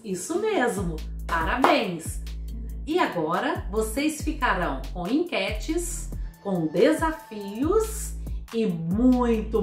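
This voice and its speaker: Lively high-voiced woman teacher. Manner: patient, asks the viewer questions, spells syllables slowly. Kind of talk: online grammar lesson. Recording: roomy echo with faint music.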